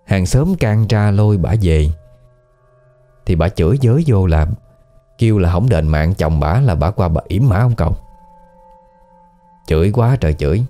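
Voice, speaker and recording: This ghost story comes from a man whose low voice moves at a normal speed, broken by long pauses. He speaks with a Southern Vietnamese accent in a chatty, colloquial, animated way, over faint background music.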